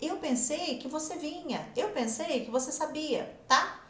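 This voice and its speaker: Lively Brazilian woman English teacher. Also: high voice, a little slow. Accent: Brazilian Portuguese. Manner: animated, demonstrative explaining, addresses viewers directly. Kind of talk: live online English lesson. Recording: roomy echo.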